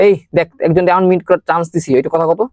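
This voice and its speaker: Fast-talking man teaching online. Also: on the high side, flat delivery, a little mellow, dry recording, studio quality. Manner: fast, chatty, mixes in English words. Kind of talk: live online class lecture.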